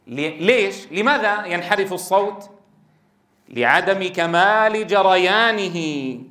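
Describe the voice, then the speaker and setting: A man's voice: sits high, a bit bright. A man gives a classroom lecture on Quran recitation rules. He is emphatic, repeats his key points and addresses his listeners as brothers. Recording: echoey room.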